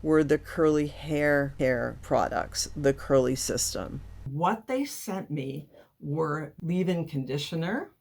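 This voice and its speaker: Low-pitched, slow-talking woman with a slight lisp. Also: animated, vocal fry, darkish tone. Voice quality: slight lisp, as if cotton in the mouth. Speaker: YouTube beauty and hair product reviewer. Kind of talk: sponsored product review to camera.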